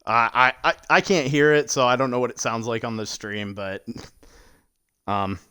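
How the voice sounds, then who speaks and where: A man co-hosting a casual live stream about a sports simulation league, relaxed and full of fillers. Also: medium pitch, normal speed, smooth. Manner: relaxed, filler-heavy, laughs easily. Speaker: league show co-host.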